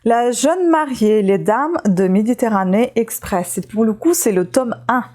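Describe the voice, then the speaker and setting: A woman's voice: a little high, lively intonation, a little slow, dark tone. A tired woman in a casual book-haul video, chatting with many fillers and restarts and reading book blurbs aloud. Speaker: booktuber showing second-hand books.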